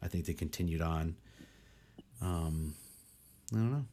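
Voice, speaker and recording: A man's voice: a bass voice, measured pace, mellow, slight background noise. A man hosting a podcast in casual chat, rambling with lots of "like" and frequent swearing. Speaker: podcast host.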